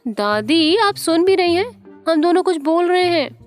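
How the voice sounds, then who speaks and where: A woman's voice: high-pitched, big pitch swings, normal speed, soft background music, pitched above the performer's own voice. A woman narrator voicing an insistent young woman in an audio story. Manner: insistent, raised voice. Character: young woman, lively and teasing.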